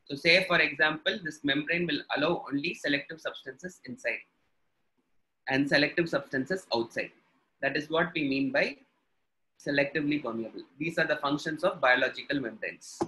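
A man's voice: fairly high pitch, moderate pace, sharp tone, low-quality recording. A man with a South Indian accent teaching biology in a live online lesson, explaining step by step and repeating his points. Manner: instructional, repeats and rephrases points.

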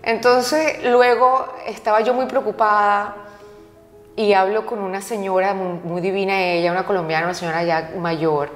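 A woman guest tells her stories in a candid, conversational way, leaning on repeated words for emphasis. Her voice sits at an ordinary middle pitch. The room rings with a long, roomy echo, and soft music plays underneath. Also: fairly even intonation, normal speed. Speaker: interview guest. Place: interview set.

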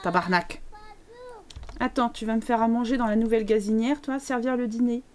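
A woman's voice: a little high, steady tone, fast, mellow, a little hiss or hum. A woman streaming a life-sim game live, chatting playfully to her characters and thanking viewers as she goes. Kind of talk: live gameplay commentary.

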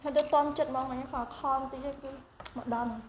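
A woman's voice: sits high, steady tone, fast talker. A woman hosting an eating show, chatting casually with her mouth full and giving short mumbled replies between bites. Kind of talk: casual chat while eating. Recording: echoey room with clear noise.

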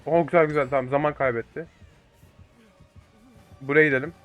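A young man giving excitable live commentary over a multiplayer game, swearing and talking to teammates and viewers. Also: fairly high pitch, a little fast, dull audio, faint music behind. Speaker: gaming YouTuber.

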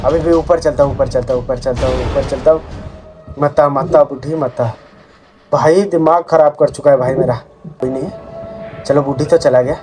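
A man's voice: medium pitch, steady tone, normal speed, pauses often. A man giving casual gameplay commentary who keeps talking to his viewers and yelps and repeats words when startled. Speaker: gaming channel host. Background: horror game music.

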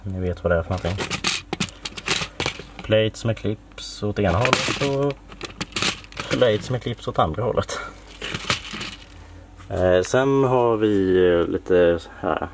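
Low-voiced man giving a relaxed tour. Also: long pauses, background noise. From Sweden. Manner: relaxed, listing parts with many fillers. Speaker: Lego collector showing his workshop. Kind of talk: casual room-tour narration. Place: home workshop room, dim lighting.

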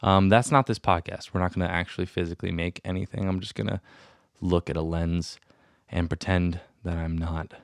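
A young man with a low voice hosts a solo podcast and rambles from thought to thought. He puts himself down and sounds restless. The recording is dry and close to the mic. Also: fairly even intonation, fairly quick, gravelly, no echo. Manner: self-deprecating, rambling, restless. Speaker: podcast host. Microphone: studio mic with headphones.

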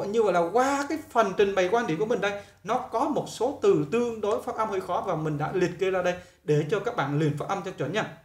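A man, teaching English pronunciation and drilling each word slowly over and over while correcting common mistakes. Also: high voice, roomy sound. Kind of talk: pronunciation lesson.

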